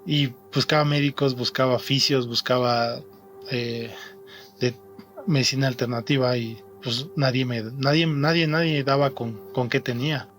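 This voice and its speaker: A young man from Mexico, telling his own story in a halting way, often repeating and restarting words. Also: medium pitch, fairly even intonation, a bit bright. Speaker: interviewed athlete. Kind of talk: personal testimony. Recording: faint music behind the voice.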